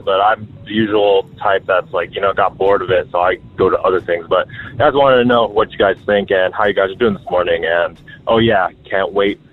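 A man's voice: low-pitched, a little hiss or hum. A man leaving a casual, chatty voicemail for a radio show, heard as a phone-line message, easygoing and a little teasing. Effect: voicemail message over a phone line.

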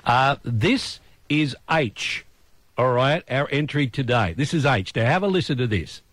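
A man's voice: mid-range voice, expressive, measured pace, very noisy. An older Australian man hosting local radio with casual, matey, self-deprecating breakfast chat. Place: radio studio.

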